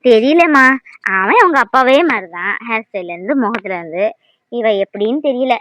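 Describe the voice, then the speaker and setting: A bossy young mother from a cartoon, acted by a woman scolds in loud, threatening bursts. She speaks high, and the sound is dry and close. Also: animated, moderate pace, no echo, low-quality recording. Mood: chatty.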